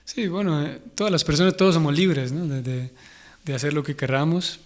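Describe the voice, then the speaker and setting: A man's voice: a little high, brisk. A young man with a Honduran Spanish accent, a guest in an interview, speaking thoughtfully and often restarting as he searches for words. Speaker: interview guest, Hare Krishna devotee. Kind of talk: conversational interview.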